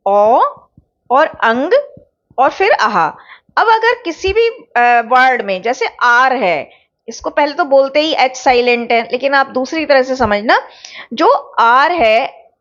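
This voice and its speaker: A woman's voice: sits high, fairly bright tone, lo-fi sound. A woman with an Indian accent giving an English grammar lecture, explaining step by step and often checking that students follow. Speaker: English teacher. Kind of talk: online exam-prep lecture.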